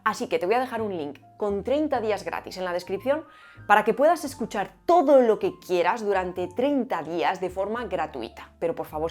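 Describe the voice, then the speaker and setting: A young adult woman hosts a scripted linguistics explainer. She plays with the material by asking questions and then answering them herself. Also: lowish voice. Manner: playful, asks and answers her own questions. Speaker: linguistics video host.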